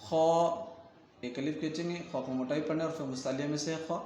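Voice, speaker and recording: A man's voice: fairly high pitch, fairly even intonation, a little mellow. Patient man teaching letter sounds, echoey. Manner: patient, repeats letters and checks in often; stretches letter sounds long when reciting. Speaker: Quran reading teacher. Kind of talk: recorded lesson.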